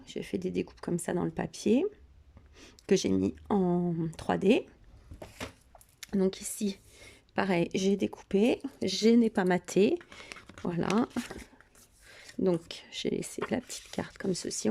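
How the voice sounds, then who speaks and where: A woman with a gravelly, husky and mellow voice walks through a handmade scrapbook album. Her talk is casual and unscripted, full of hesitations and restarts. She often sinks into a soft half-whisper. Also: medium pitch, measured pace, long pauses. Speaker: scrapbooking vlogger. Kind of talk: casual craft show-and-tell.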